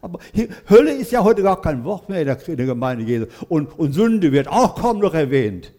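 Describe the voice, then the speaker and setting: A man's voice: on the high side, sing-song, fairly quick, dark tone. An older man preaching a sermon to his congregation in a church hall, telling his own story in a folksy, rambling way, often correcting himself and asking "ne?". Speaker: lay preacher. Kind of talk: church sermon with personal testimony.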